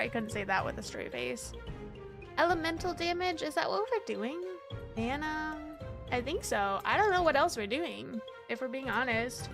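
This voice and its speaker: High-voiced woman, rambling stream chat. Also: creaky. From American Midwest. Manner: rambling and chatty, heavy on fillers, laughs often. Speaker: VTuber game streamer. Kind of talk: casual gaming stream chat. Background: game music.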